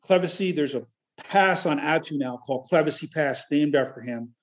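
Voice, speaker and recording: Man, fairly high pitch, rambling enthusiastic interview talk, halting delivery, muffled lo-fi recording. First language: Chiac French. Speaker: amateur military history researcher, podcast guest. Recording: dull, lo-fi audio.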